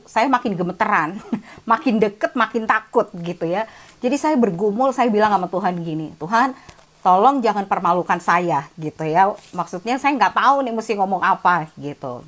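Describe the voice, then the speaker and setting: A woman in her forties giving a casual, chatty sermon reflection over a video call, self-deprecating and laughing often. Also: medium pitch. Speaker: guest speaker at prayer meeting.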